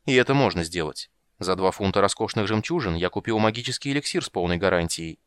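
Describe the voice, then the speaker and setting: A man's voice: deep voice, animated, quick pace, clear, resonant tone, dry recording. A man voicing a hot-tempered, lovesick prince who barks orders. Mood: blustering. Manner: blustering, barking orders.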